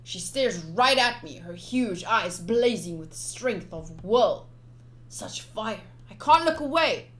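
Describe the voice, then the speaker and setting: Taking it slowly, a woman with a medium-pitched voice reads a visual novel aloud on stream in an expressive, playful, theatrical style, commenting casually. Game music sits behind her.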